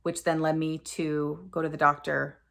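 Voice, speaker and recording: A woman in her forties talks straight to the camera in an earnest, candid way. Her voice sits on the low side and has a gravelly fry. She often stops to correct herself mid-sentence. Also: little pitch movement, normal speed, a bit bright. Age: 40s. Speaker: vlogger sharing a personal story. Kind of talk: casual personal storytelling to camera.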